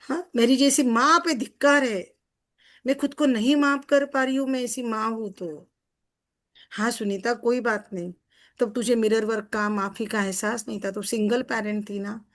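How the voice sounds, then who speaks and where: A woman's voice: fairly high pitch, normal speed. A middle-aged woman coach leading a guided self-forgiveness exercise over a video call, earnest and emotional, speaking to herself by name. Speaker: success coach.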